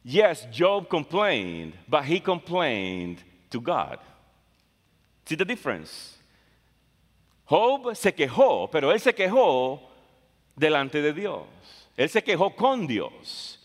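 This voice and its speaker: Slow, lively-voiced preacher in a hall. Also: male voice, a little high. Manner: emphatic, repeats phrases for stress. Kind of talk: bilingual sermon, English and Spanish in turn. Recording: long reverb of a large hall.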